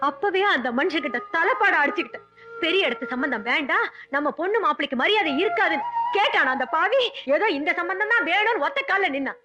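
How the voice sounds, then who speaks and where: A woman's voice: very high voice, expressive, quick pace, music in the background. An actress playing an aggrieved middle-aged mother who laments and weeps, speaking. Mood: bitter. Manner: tearful, lamenting, scolding her daughters. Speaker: mother in a film family drama.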